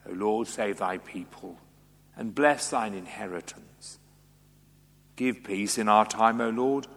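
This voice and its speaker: Guy intoning church prayers, slow and solemn, big cathedral echo rolling on after every line. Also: mid-range voice, fairly bright tone. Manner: measured, solemn recitation. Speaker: church officiant.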